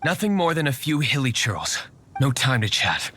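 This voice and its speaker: A cool, contemptuous nobleman vigilante from a video game. His voice sits at a middle pitch and moves widely in intonation. He speaks formally, with dry, measured sarcasm. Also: very animated, pushed and bright, husky, heavily acted. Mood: brisk.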